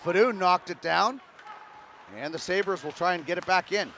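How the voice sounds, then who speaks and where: High-voiced male hockey play-by-play caller. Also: background noise. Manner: brisk, rising with the action, occasional fillers. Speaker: play-by-play commentator. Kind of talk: live hockey play-by-play commentary.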